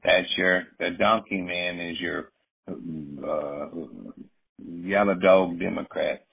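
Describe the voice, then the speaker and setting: A man in casual interpretive political chat, opinionated and somewhat halting as he explains. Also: deep voice, steady tone, vocal fry, slight background noise. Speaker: commentator in a book discussion. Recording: thin, narrow-band call-like audio.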